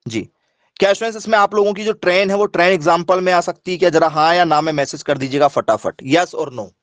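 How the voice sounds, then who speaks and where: A man's voice: high-pitched, brisk, dry recording. A male teacher giving an online class lecture. He repeats his points and keeps quizzing students, asking them for yes or no replies.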